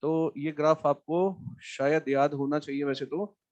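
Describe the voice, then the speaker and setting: A man's voice: fairly high pitch, level tone, measured pace, dull audio. A man teaching math in a live class, chatting with students and then working through a problem. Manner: mixes Hindi with English math terms, asks students questions.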